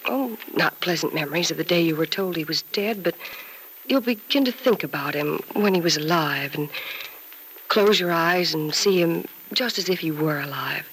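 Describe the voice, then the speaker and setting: An actress playing a gentle, bereaved young nurse in a 1940s radio soap opera, consoling in an earnest, wistful, measured way. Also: female voice, deep voice, poor audio. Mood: tender consoling. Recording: old radio recording with faint noise.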